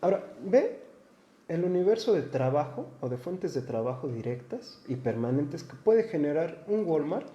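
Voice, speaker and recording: A man's voice: on the high side, big pitch swings, moderate pace, warm tone, roomy sound, lo-fi sound. A man with a Mexican Spanish accent, a lawyer and guest in a studio interview, talking earnestly and stammering on his opening words.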